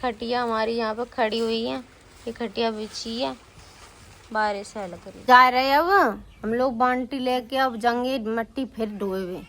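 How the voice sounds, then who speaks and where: A woman's voice: on the high side, unhurried, fairly bright tone, a little hiss or hum. Chatty young woman village vlogger. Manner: chatty, addresses viewers as friends. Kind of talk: casual vlog narration. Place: village home, rooftop and fields, outdoors.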